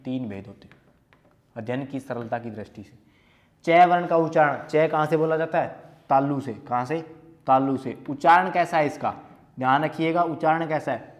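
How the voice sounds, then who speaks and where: In a medium-pitched voice at a moderate pace, a young man leads a grammar lesson. He goes question by question through a quiz, restating each before answering it on his own and repeating the important terms.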